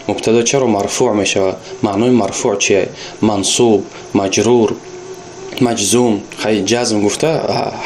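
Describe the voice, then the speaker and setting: A man's voice: on the low side, darkish tone, slight background noise. A man teaching a recorded Arabic language lesson, patiently repeating each example word and explaining it.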